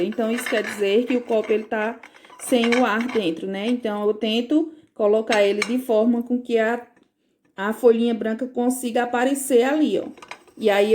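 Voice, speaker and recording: A woman's voice: on the high side, a little mellow, a little hiss or hum. A woman teacher recording a home lesson for parents, patiently explaining and checking in with frequent questions.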